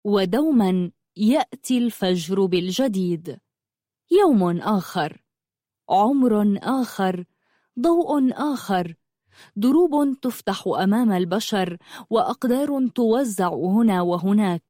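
A woman narrating a story in a calm, measured way. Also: mid-range voice, no room sound, clean studio sound.

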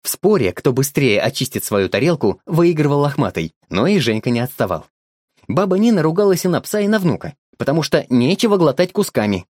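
A man narrating an audiobook in an expressive, lively storytelling manner. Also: fairly high pitch, fairly quick, no echo, studio quality.

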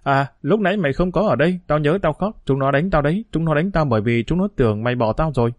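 A man's voice: on the high side, animated, fast, dry recording, lightly acted. A man voicing a young street boy who is timid, clingy and tearful, pleading with his friend in a Vietnamese storybook reading. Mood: excited.

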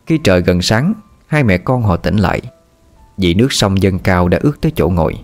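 A man narrating a ghost story in a steady, somber way. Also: low voice, a little fast. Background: rain and soft music.

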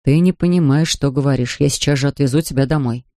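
A woman reading an audiobook, voicing an embarrassed man who speaks low and soothingly. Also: fast talker, warm tone, dry recording, clean studio sound, natural voice. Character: embarrassed man calming his drunk date.

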